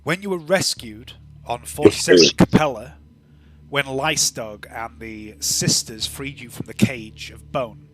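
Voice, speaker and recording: Man narrating with dramatic, measured phrasing. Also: medium pitch. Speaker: game master. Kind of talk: tabletop game narration. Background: faint music.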